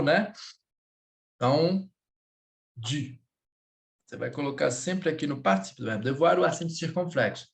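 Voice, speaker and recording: A Brazilian man teaching French in a live lesson, speaking Portuguese with a Brazilian accent, patiently repeating words and checking in with his students. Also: medium pitch.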